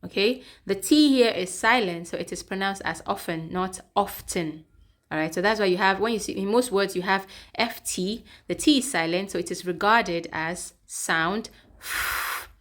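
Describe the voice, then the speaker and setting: A woman's voice: mid-range voice, normal speed, fairly bright tone. A woman teacher giving a step-by-step pronunciation lesson, repeating sounds and checking in with "okay". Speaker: English teacher. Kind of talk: classroom-style pronunciation lesson.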